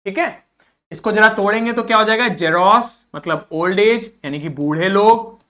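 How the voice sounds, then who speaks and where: A man's voice: high-pitched, normal speed, a bit bright. A man teaching English vocabulary in a recorded lesson, explaining in Hindi with English terms mixed in, repeating each word and quizzing his listeners. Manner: drills pronunciation by repeating words and quizzing listeners. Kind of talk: classroom-style recorded lesson.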